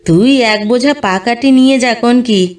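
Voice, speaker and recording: A woman's voice: on the high side, unhurried, lightly acted. A woman doing a timid old village widow. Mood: timid, plain. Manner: hesitant, plain rustic speech. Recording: distant mic, faint background music.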